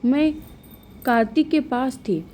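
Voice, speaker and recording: A woman's voice: sits high, lively intonation, slow, dark tone, slight background noise, voice pushed up. A woman voicing a meek, dutiful young daughter-in-law in a storybook tale, polite and respectful. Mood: worried.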